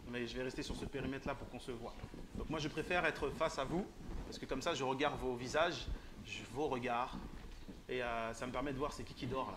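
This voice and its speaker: A man's voice: mid-range voice, noisy background. A man giving an informal sermon in church, joking, teasing and quizzing the young people in the pews. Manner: joking, teasing, questions the audience. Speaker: lay preacher. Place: church hall.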